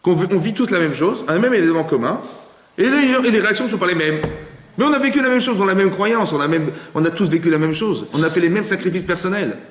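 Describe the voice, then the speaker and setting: A man's voice: high-pitched, fast. Man teaching in an echoing synagogue hall. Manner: lively, full of rhetorical questions to the audience. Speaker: rabbi teaching a class. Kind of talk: religious lesson to a live group. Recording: echoey hall with long reverb.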